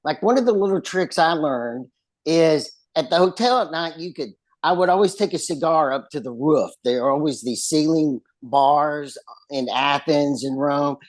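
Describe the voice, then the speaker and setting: A man's voice: on the high side, normal speed. A man with a West Texas twang, telling stories in casual conversation. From West Texas, United States. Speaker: lawyer and author, in conversation.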